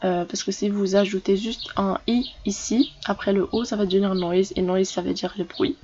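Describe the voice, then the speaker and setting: A woman's voice: medium pitch, flat delivery, moderate pace, darkish tone, highs cut off, slight background noise. A woman giving a casual vocabulary lesson, talking in a hesitant way with many fillers and restarts. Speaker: English teacher for French speakers.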